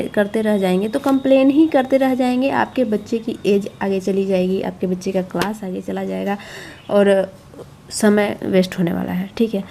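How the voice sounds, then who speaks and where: Reassuring woman guiding parents, mellow voice. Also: on the high side, a little hiss or hum. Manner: coaxing, reassuring, repeats herself often. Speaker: channel host explaining a schoolbook to parents. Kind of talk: explaining a schoolbook to parents.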